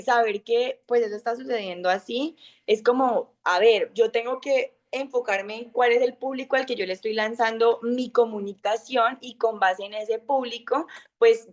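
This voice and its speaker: Loud, lively young woman teaching. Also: highs cut off. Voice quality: high, loud speaking voice. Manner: loud, lively, with acted-out examples and fillers. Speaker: speaker of an online masterclass. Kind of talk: informal talk on communication.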